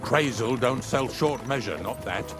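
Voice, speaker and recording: An actor playing a gruff, talkative older rustic wagon driver in a medieval video game, with a folksy, rambling manner. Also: male voice, medium pitch, lively intonation, a little slow, natural voice. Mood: chatty, grumbling. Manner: folksy, rambling, plain-spoken. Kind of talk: video game dialogue acting. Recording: music behind the voice.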